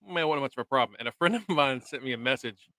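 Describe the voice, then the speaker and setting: A man's voice: medium pitch, lively intonation, fast talker, bright, forceful tone, no echo. A young adult man, co-hosting a podcast, talkative and laughing, swearing freely in casual chat. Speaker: podcast co-host. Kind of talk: casual chat recapping a show.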